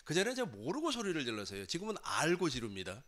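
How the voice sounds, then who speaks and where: Bright-voiced emphatic male pastor. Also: fairly high pitch, huge pitch swings, quick pace. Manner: emphatic, acts out loud pleading cries. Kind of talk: sermon. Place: church sanctuary.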